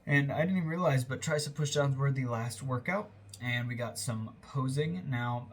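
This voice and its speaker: Speaking into a close voiceover mic, this young American man, a fitness vlogger, sounds stuffed up as he gives a loose, rambling account of his workout, correcting himself and using lots of fillers. His voice is mid-range and a bit bright, with slight background noise.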